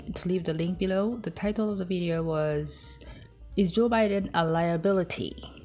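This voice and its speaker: Low-voiced chatty woman from Africa. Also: darkish tone. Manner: chatty, rambling and frank. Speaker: reaction video host. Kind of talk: casual chat.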